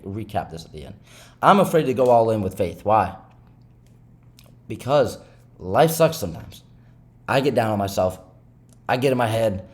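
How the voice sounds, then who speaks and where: Guy venting to himself on a trading vlog, rambly, kinda self-critical, keeps saying right. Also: medium pitch. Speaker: day trading vlogger. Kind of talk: candid self-talk monologue.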